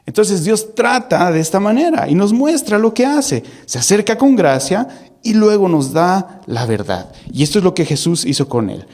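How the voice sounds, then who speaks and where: A man preaching a sermon in an animated way, asking the listeners rhetorical questions and acting out the voices of the people in his story. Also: high voice, moderate pace.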